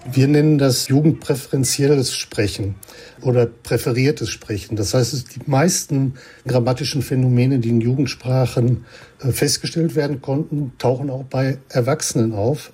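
A man with a husky, mellow voice explains his research findings in an interview. He talks at an even, explanatory pace and sometimes pauses on a filler. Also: medium pitch. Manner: explanatory, with some hesitant fillers. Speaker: linguistics researcher. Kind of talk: interview answers.

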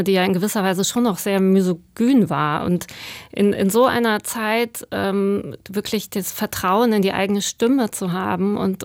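A woman in her thirties who grew up in Germany, an author answering interview questions thoughtfully and often pausing to search for words. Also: mid-range voice, creaky, no echo, studio quality.

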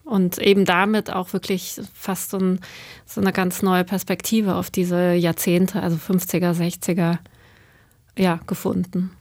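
A woman in her thirties who grew up in Germany, an author answering interview questions thoughtfully and often pausing to search for words. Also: fairly low pitch, level tone, a little mellow, no room sound.

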